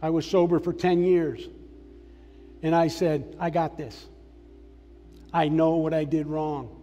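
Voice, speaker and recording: An older man from Massachusetts preaches a sermon from the stage of a large church sanctuary, offering earnest, plainspoken personal testimony. His voice is fairly high, slow and flat, with long hall reverb and soft music behind him.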